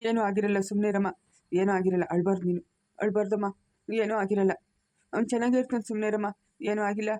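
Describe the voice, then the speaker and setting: Woman as an old rural grandfather: flat, quick delivery, rural Karnataka Kannada accent. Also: fairly high pitch, no echo, natural voice. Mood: soothing. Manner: gentle, soothing, repetitive pleading. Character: worried poor old village grandfather.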